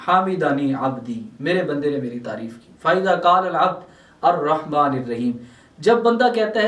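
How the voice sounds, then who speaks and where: A man's voice: fairly high pitch, reverberant, distant mic. A man with a Pakistani Urdu accent gives a religious lesson, reciting verses and explaining them word by word. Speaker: Islamic scholar teaching Quran translation.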